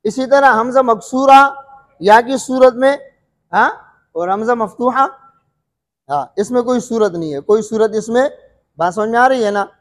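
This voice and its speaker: A man's voice: very high voice, normal speed, pauses often, big-room sound. A male Quran recitation teacher giving a classroom lesson, repeating each question and answering it himself, often checking whether the students follow.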